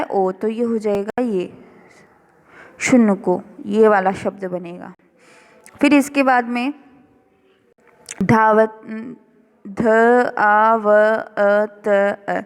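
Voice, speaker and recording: A school teacher leads a recorded classroom revision lesson, unhurriedly spelling words out piece by piece and explaining carefully word by word. Her slightly high voice carries a long reverb from the surrounding room.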